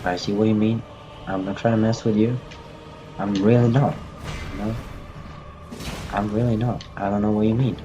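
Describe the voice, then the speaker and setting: A let's-play host with a fairly low, flat voice speaks at a moderate pace with long pauses, the audio dull and game music playing. His commentary comes in jumpy bursts as he repeats phrases to himself and responds to the game characters.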